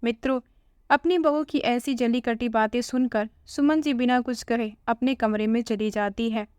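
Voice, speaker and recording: A woman's voice: fairly high pitch, normal speed, darkish tone, smooth, dry recording, studio quality. A woman storyteller narrating a moral family tale and addressing listeners as friends.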